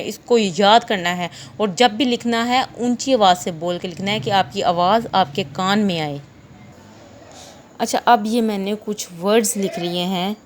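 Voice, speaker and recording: A woman's voice: mid-range voice, a little hiss or hum. A woman teaching a shorthand lecture, explaining each rule step by step and repeating the key points. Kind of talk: classroom lecture.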